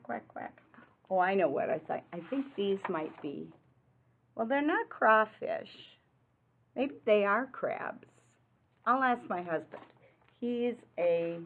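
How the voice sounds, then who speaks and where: A medium-pitched female teacher reads a picture book aloud to young children, using simple child-directed talk full of questions and explanations. She delivers rhymes with deliberate emphasis over muffled, narrow-band, phone-quality audio.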